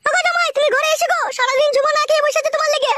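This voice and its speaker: A woman's voice: very high voice, steady tone, racing, fairly bright tone, dry recording, clean studio sound. A woman voicing an older village mother-in-law who coaxes and pleads in a sing-song way. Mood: coaxing.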